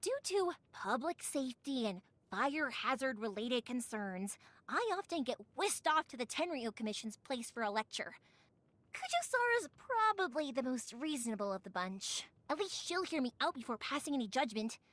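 A cheerful, warm-hearted young fireworks maker from a video game speaks in a high, girlish voice that swings widely in pitch. She tells stories in her voice lines at a normal speed, warm and earnest, like she's eagerly sharing them with a friend, with no echo.

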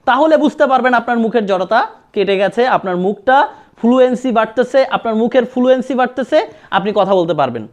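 A man teaching spoken English, repeating sounds slowly and drilling pronunciation in a lesson. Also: very high voice, animated. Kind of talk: classroom-style lesson.

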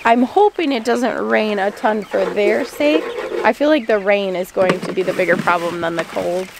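A woman in her thirties chatting casually on a homestead vlog, outdoors in the garden, easily excited and quick to laugh. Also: medium pitch, gravelly, very noisy. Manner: excitable, gasping and laughing at surprises. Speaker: homesteading vlogger. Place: outdoors in a rainy farm garden. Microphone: handheld camera mic.

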